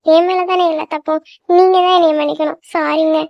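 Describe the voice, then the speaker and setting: A woman voicing a young cartoon girlfriend who pleads softly and is quick to apologize. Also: high voice, little pitch movement, vocal fry, no room sound. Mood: apologetic. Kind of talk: cartoon voice acting. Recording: dull lo-fi dry recording.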